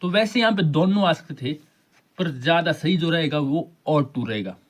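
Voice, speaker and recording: Teacher asking himself questions, slightly high-voiced. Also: male voice, expressive. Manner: slows right down to read English sentences aloud; keeps asking questions and answering them himself. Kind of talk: explaining an exam paper.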